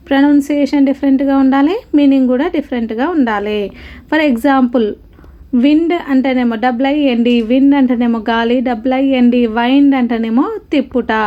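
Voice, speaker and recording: A woman's voice: high-pitched, dull audio. A woman teaching a grammar lesson, patiently spelling words out letter by letter and repeating each rule. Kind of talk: grammar lesson explaining word pairs.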